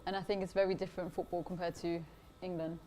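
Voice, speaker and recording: A young woman who is a football freestyler, chatting in a relaxed way as a guest and hedging with fillers. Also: on the low side, fast, slight background noise. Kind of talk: casual interview chat.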